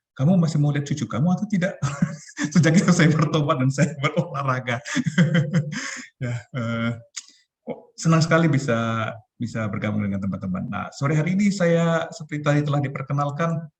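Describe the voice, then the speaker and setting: A man in his forties giving a relaxed, chatty youth talk over a video call, laughing often. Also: medium pitch. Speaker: youth ministry speaker.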